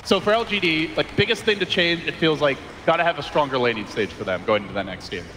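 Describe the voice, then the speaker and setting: A man casting an esports match, calling the action with rising excitement. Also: a little high, a little hiss or hum. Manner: excited, rising fast calls. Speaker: play-by-play caster. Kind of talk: esports commentary.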